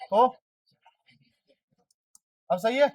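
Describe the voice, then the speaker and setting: A high-voiced man teaching a classroom of exam candidates, firing questions at them and answering in their place, bantering when they push back. He sounds set back from the microphone in a dry room with little reverb. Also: lively intonation, extremely slow, far from the mic. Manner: quizzes the class constantly, voicing their questions himself; chatty, argues playfully with students. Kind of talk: classroom lecture for exam prep.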